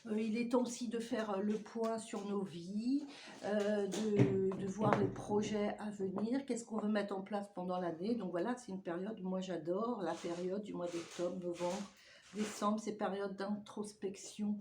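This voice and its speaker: A woman's voice: medium pitch, fairly even intonation, a little slow, background noise. A woman vlogger chatting casually at home as she unboxes a parcel, rambling off on tangents and laughing often. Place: home indoors.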